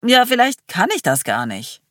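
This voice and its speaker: A man's voice: high voice, huge pitch swings, moderate pace, pushed and bright, dry recording, clean studio sound, voice pushed up, heavily acted. A reader voicing a sarcastic young man who pours out his despair in an audiobook. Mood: agitated. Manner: raw, increasingly despairing outburst. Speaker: character in an audiobook. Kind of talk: audiobook reading.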